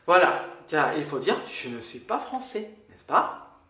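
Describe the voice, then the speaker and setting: A man's voice: fairly high pitch, very animated, a little slow, sharp tone. A man from Korea with a Korean accent, a native Korean speaker, teaching a casual lesson in a chatty, playful way with little laughs. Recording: roomy with faint noise.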